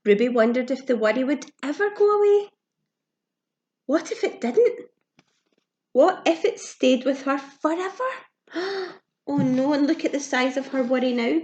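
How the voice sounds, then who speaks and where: Reading to young children as a teacher might, a woman with a high voice keeps a measured pace and uses simple, expressive speech with audible gasps and questions. The audio is dull and has an echoey room sound.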